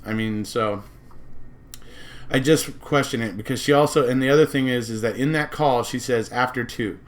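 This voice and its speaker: Talking at a normal speed in a mid-range voice, an American man riffs as a true-crime commentator. His monologue is relaxed and speculative, meandering and looping back to repeat what he has already said.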